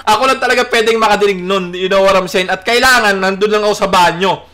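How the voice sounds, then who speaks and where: A man's voice: high voice, fast, pushed and bright. A man hosting a reaction video, talking casually with frequent laughs, swearing and filler tags. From Philippines.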